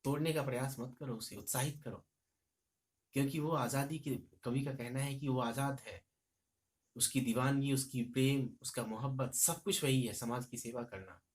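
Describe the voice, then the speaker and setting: A man teaching a lesson, explaining a poem line by line and reciting its verses loudly with rising emphasis. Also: mid-range voice, steady tone, normal speed.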